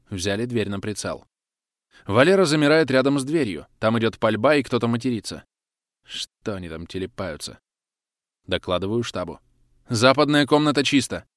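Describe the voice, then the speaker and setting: A male audiobook narrator with a fairly low-pitched voice reads a first-person action story aloud, telling it dramatically on a close mic with no room sound.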